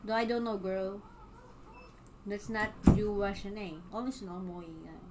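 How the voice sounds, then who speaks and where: A woman's voice: medium pitch, fairly even intonation, slow pace, heavy background noise. A woman from the Philippines with a Filipino accent, hosting a casual livestream, chatty and reading viewers' comments aloud and answering them. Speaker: livestream host.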